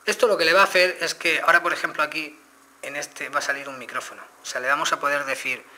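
Talking directly to his audience, a man from Spain shows off a phone in a casual product demo and explains every step. He is a phone reviewer whose slightly high voice is fast, bright, and forceful, with fairly even intonation.

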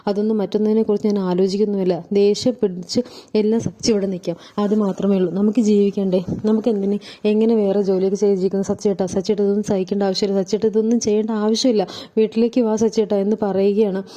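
Fast-talking woman recapping a serial. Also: mid-range voice, little pitch movement, warm tone. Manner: rapid, running narration with fillers. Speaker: vlogger retelling a TV serial. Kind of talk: casual storytelling recap.

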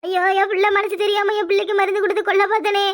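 A woman voicing a domineering, scheming middle-aged village mother in a cartoon, with a Kanyakumari Tamil accent, scolding fast and loud. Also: little pitch movement. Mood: remorseful. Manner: shrill, scolding, fast, rising to yells. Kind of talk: cartoon voice acting.

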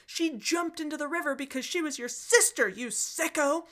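A woman voicing an anguished, grieving man in a storybook retelling, crying out in high, screaming outbursts. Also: normal speed, a bit bright. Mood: furious.

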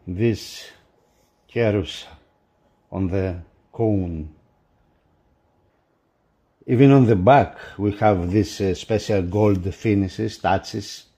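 In this unboxing, a man who reviews products for a magazine talks in a mellow, somewhat low voice. He goes very slowly, his non-native English breaking into halting phrases as he describes what he's holding.

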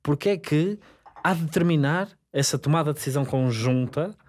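Probing podcast host. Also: male voice, on the high side, moderate pace. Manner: probing, presses with follow-up questions. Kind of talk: casual interview questioning. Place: small studio with acoustic foam. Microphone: desk mic on boom arm.

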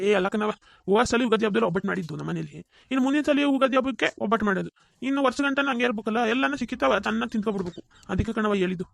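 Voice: mid-range voice, lively intonation, very fast, gravelly, a bit bright, no echo. A performer voicing a greedy, lazy village man, wheedling in a cartoon. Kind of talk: cartoon voice acting.

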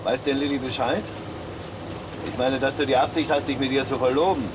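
A man's voice: medium pitch, fairly even intonation, brisk, lightly acted. An actor playing a truck driver boss who teases his younger colleague, in a 1960s TV drama. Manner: teasing. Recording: old TV soundtrack with loud truck noise.

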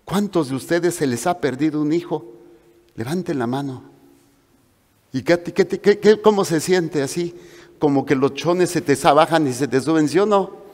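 A man preaching a sermon with a Mexican Spanish accent, telling stories in an animated way and acting out the voices of the people in them. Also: on the high side, moderate pace. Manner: animated storytelling with acted-out voices. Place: church hall. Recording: long reverb of a large hall.

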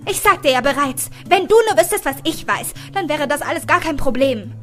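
A nosy, giggling young woman, as a female narrator puts her on, pitched well above the reader's own voice and pushing every line loud and eager. She whines and gushes in bursts like an overexcited girl in a storybook audio drama. Soft music runs underneath. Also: a little fast. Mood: excited teasing. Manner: shrill, loud and breathless with excitement.

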